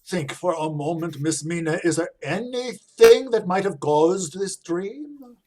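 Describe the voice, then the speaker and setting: An actor playing a shrewd vampire-hunting professor in a radio play, with a measured, probing, emphatic manner. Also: male voice, sits high, animated, darkish tone. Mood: probing concern. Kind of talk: theatrical radio play acting.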